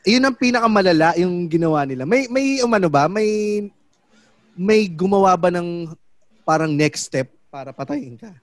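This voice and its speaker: A man's voice: high voice, expressive, normal speed, no room sound. A man hosting a podcast, casually asking his guest curious follow-up questions. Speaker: podcast host.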